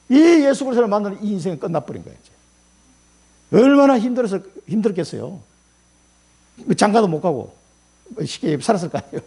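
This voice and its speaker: A man's voice: sits high, creaky, dark tone, breathy edge. A middle-aged male pastor preaching a sermon in a colloquial storytelling way, acting out quotes as he goes.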